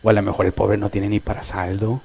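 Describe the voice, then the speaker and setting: A male pastor delivering a sermon, animated, acting out quoted voices of his congregation. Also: lowish voice, quick pace, gravelly, husky.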